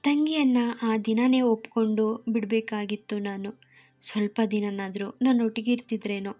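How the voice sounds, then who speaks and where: A woman's voice: fairly high pitch, fairly even intonation, normal speed, lightly acted. A woman voicing a regretful older man who is musing aloud about his past choices. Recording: muffled lo-fi with soft music.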